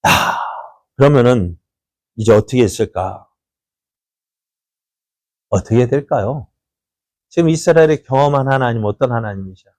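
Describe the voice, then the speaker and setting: A man's voice: mid-range voice, moderate pace, long pauses, no echo. A man pastor preaching a sermon in a church, asking the congregation questions and acting out voices from the story. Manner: animated preaching with rhetorical questions and acted-out quotes.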